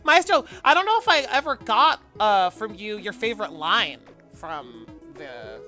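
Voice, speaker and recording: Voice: mid-range voice, sing-song, unhurried, pushed and bright, soft background music. A panel host on a casual group call, bubbly and laughing often, with lots of fillers. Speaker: panel host and game creator.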